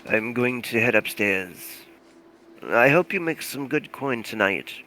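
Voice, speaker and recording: A man voicing a drowsy, stoned old man who smokes a pipe and murmurs slowly. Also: medium pitch, animated, bright, forceful tone, slight background noise. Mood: sleepy.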